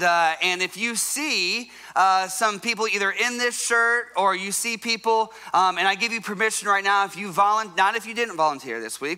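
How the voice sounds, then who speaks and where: A man's voice: high-pitched, sharp tone, clear, resonant tone. A man pastor greeting his congregation in a church, upbeat and chatty with casual fillers. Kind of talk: sermon. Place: church sanctuary.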